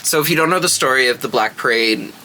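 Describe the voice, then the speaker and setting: A man's voice: medium pitch, fast talker, bright, forceful tone, a little hiss or hum, poor audio. A man talking like a sassy, gushing drag queen, giving casual, slangy reaction commentary.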